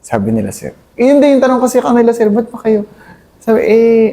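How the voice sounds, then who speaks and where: A man in his thirties, an army captain, earnestly recounting combat in a halting, deferential way, addressing his host as "sir" constantly. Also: very high-pitched, huge pitch swings, gravelly, mellow. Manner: deferential, says "sir" nearly every phrase; earnest, halting storytelling with many restarts. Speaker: army captain, interview guest. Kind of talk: conversational war recollection.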